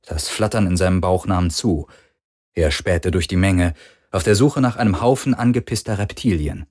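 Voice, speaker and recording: A man narrating an audiobook with expressive storytelling. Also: deep voice, normal speed, no room sound, clean studio sound. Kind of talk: scripted narration.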